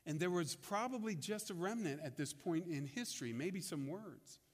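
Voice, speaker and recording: High-voiced man preaching in a reverberant hall. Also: animated, normal speed. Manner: conversational, repeats words when restarting. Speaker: pastor. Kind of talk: sermon.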